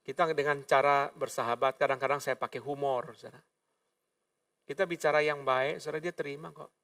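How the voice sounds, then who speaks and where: A man's voice: mid-range voice, steady tone, brisk, a bit bright, no room sound, clean studio sound, recorded from a distance. A man preaching a sermon to his congregation. He speaks animatedly and keeps addressing them directly. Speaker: pastor.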